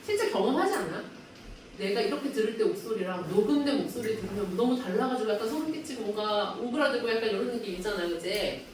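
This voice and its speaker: Lively woman teacher in echoey room. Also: medium pitch, quick pace, distant mic, slight background noise. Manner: lively, questioning students. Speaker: English teacher. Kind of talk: classroom lecture.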